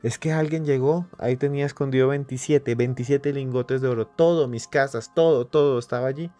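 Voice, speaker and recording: A man's voice: medium pitch, steady tone, a little fast, dark tone, faint music behind, pitched above the performer's own voice, natural voice. A man voicing a desperate old rich miser who wails over lost gold, raised and pleading. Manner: wailing, desperate.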